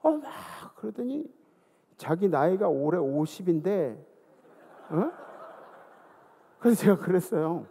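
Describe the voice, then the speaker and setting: A man's voice: high-pitched, sing-song, slow, gravelly, pauses often, dark tone. A pastor in his fifties preaching a sermon in a church, telling stories and firing rhetorical questions at the congregation. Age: 50s. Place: church sanctuary. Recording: long reverb of a church hall.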